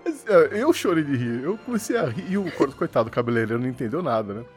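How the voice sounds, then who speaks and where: Animated Brazilian-Portuguese male storyteller. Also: mid-range voice, fast talker, faint music behind. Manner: animated storyteller, laughs often. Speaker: podcast co-host. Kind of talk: casual storytelling chat.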